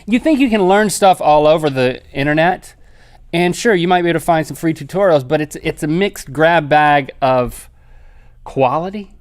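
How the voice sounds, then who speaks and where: A man co-hosting a comedic talk show, joking with quick asides and pitching a sponsor. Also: no echo, studio quality. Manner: jokey, animated, fast asides. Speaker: co-host. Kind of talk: casual comedic chat.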